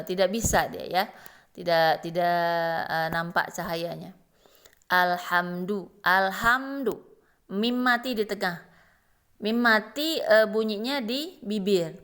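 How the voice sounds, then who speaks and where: Slow, smooth-voiced woman teaching recitation. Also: medium pitch. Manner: slow, patient explaining with sung recitation. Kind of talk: tajwid lesson with chanted examples.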